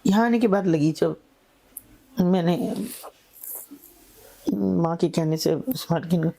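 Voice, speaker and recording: A middle-aged woman, a charity founder, telling an emotional story in an interview in a soft, halting way that sometimes drops to a whisper. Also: fairly low pitch, gravelly. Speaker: guest, founder of a charity for women in red-light areas.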